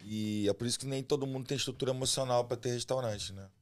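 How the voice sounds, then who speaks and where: A chef and restaurant owner from Rio de Janeiro, with a Carioca Brazilian Portuguese accent, chats as a guest on a casual podcast interview. Relaxed and talkative, he speaks fast in a mid-range voice and often ends phrases with a tag question.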